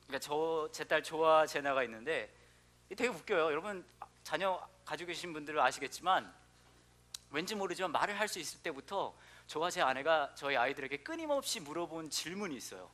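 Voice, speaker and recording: A man in his thirties preaching a sermon, telling stories with questions to the congregation, sometimes dropping to a soft, hushed tone. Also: on the high side. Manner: animated storytelling, asks the congregation questions; drops to soft, near-whispered prayer tone. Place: church hall.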